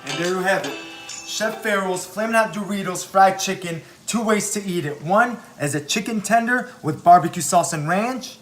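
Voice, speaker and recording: A man's voice: high voice, animated, moderate pace, fairly bright tone, faint music behind. A man hosting a home cooking video, upbeat and enthusiastic, talking straight to his viewers from the kitchen. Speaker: cooking show host. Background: oil frying and sizzling.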